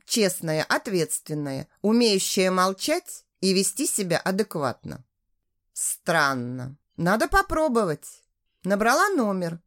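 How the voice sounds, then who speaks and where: A woman narrating a first-person audiobook in an expressive, lively reading. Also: medium pitch.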